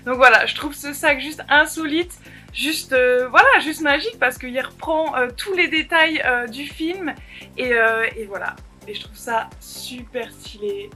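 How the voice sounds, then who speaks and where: A woman's voice: high-pitched, unhurried, bright, forceful tone, faint music behind. A woman showing off handbags to her viewers in a casual vlog, enthusiastic and full of fillers and restarts. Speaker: fashion vlogger. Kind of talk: casual product showcase.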